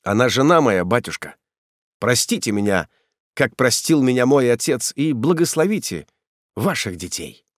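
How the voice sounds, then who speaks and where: Male reader as passionate young suitor, a bit higher, lively, dry studio sound. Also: normal speed, no room sound, natural voice. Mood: earnest. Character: young nobleman, ardent devoted suitor.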